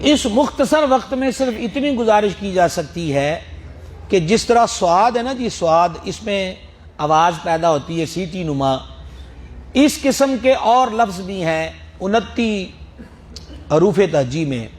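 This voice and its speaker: A man teaching Quran pronunciation, drawing out letter sounds slowly, sometimes chanting, and joking with his students. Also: sits high, expressive. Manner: slow drawn-out letter drills, sometimes chanted; friendly teasing asides to students. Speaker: religious teacher. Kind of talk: Quran recitation lesson.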